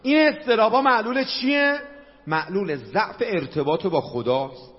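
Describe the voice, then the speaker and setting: A man's voice: high voice, lively intonation. A middle-aged man from Qom with a Qom Persian accent preaching a sermon, passionate, asking rhetorical questions and quoting Arabic. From Qom, Iran. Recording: dull lo-fi sound with long hall reverb.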